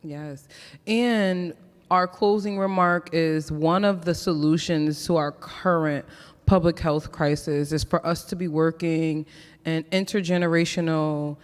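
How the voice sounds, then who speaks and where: A host speaks slowly and deliberately while leading a relaxed conversation on a theater stage. The voice carries a long hall reverb, and the thank-yous and remarks come in an unhurried way. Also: medium pitch, smooth.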